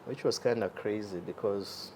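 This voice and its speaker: A young Ugandan entrepreneur appears as an interview guest, speaking casually with many fillers and laughing easily. His voice is on the low side with a darkish tone and normal speed. A little hiss or hum is present.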